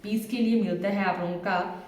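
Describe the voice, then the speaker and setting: A woman's voice: mid-range voice, steady tone, darkish tone. Woman teacher, drills names with memory tricks, echoey classroom. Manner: repeats names slowly with memory tricks, frequent "theek hai". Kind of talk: classroom lecture. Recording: echoey classroom, far from mic.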